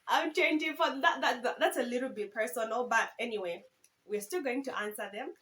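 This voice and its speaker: A young woman in her twenties from Zambia talks casually to her viewers in a Q and A vlog. Her voice sits high, and her talk is playful and full of giggles. It sounds recorded on a camera phone. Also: a little slow, pauses often, fairly bright tone, low-quality recording. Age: 20s. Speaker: YouTuber.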